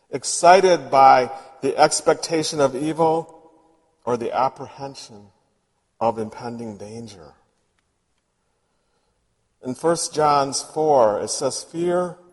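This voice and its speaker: A man preaching a sermon in a slow, earnest and reflective way. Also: medium pitch, slightly rough, long reverb tail.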